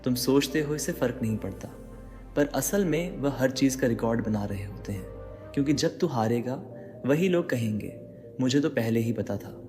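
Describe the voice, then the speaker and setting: A man's voice: mid-range voice, lively intonation, normal speed, a little mellow. A man giving dramatic motivational narration, speaking straight to the listener with rhetorical questions. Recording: long reverb with faint background music.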